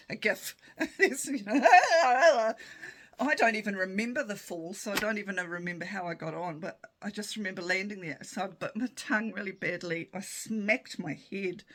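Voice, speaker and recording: A New woman in her fifties chats casually on her podcast, often laughing at herself. Her voice is gravelly and a little husky, and she rambles in a warm, self-mocking way. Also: mid-range voice. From New Zealand. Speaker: podcast host. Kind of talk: casual chat.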